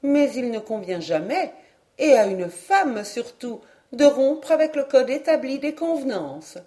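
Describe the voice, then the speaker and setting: A woman's voice: sits high, expressive, unhurried, dark tone. A woman voicing an anxious, proper older aunt who speaks in a fretful, prim, exclaiming way in an audiobook.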